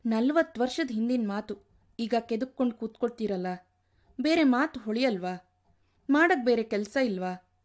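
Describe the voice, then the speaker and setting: A woman's voice: a little high, expressive, moderate pace, long pauses, a little mellow, natural voice. Woman doing a scolding wife of sixty-eight. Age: over 60. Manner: scolding, nagging.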